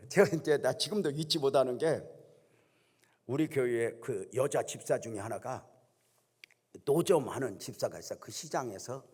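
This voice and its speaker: Husky, lively man preaching in a church. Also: mid-range voice. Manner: folksy, joking storyteller who quizzes the congregation. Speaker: pastor. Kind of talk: sermon. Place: church sanctuary. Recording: long church hall reverb.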